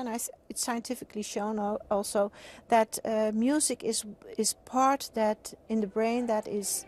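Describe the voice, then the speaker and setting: Woman talking in halting english, fairly high voice, kinda searching for words. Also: darkish tone. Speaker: village founder. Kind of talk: interview clip.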